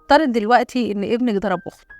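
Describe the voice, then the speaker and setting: A young adult woman with an Egyptian accent giving a spoken parenting lesson, explaining gently and acting out calm talks with a child. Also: a little high, racing, no echo, faint music behind. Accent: Egyptian Arabic. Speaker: parenting coach.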